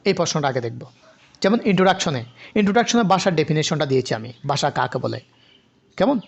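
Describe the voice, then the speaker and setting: A man's voice: on the high side, animated, quick pace, vocal fry, slightly rough, highs cut off. A man teaching an online linguistics lecture, who keeps asking rhetorical questions and mixes in English terms.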